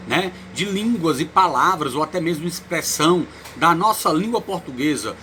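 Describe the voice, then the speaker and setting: A man with a Cearense Brazilian accent teaching a Portuguese lesson, explaining slowly and checking in with "né?" after nearly every phrase. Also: fairly high pitch, pushed and bright, a little hiss or hum. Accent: Ceará, Brazil. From Ceará, Brazil. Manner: explains slowly, tags lines with "né?", repeats words. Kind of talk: recorded online lesson.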